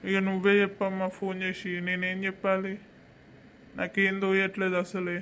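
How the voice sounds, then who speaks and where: A man with a Telangana accent playing a weary young village husband who speaks quietly. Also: sits high, completely flat delivery, normal speed, a little hiss or hum. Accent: Telangana Telugu. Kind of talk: village comedy skit acting.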